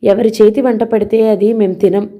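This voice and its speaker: A woman's voice: medium pitch, fairly even intonation, normal speed, lo-fi sound, natural voice. A woman reading as a fussy, orthodox older lady. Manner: polite but controlling.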